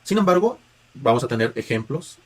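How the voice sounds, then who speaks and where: A man's voice: medium pitch, big pitch swings, a little fast, breathy edge. A man gives a patient spoken music lesson, guiding students through chant tones with filler words and restarts. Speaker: music teacher.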